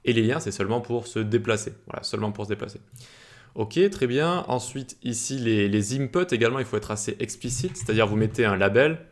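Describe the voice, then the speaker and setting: A man's voice: lowish voice, fairly quick. A man teaching web development in a screencast tutorial, informal, with many fillers and restarts.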